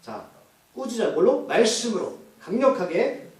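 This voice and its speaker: A man's voice: high voice, sing-song, normal speed. A male pastor preaching a sermon, asking the congregation questions and answering them himself. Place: church. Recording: echoey church hall from far off.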